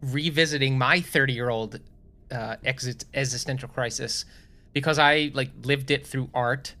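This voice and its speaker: Enthusiastic rambling man with a bright voice. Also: mid-range voice, fairly even intonation, moderate pace. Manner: rambling, enthusiastic, many restarts. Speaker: podcast co-host. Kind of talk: casual podcast chat.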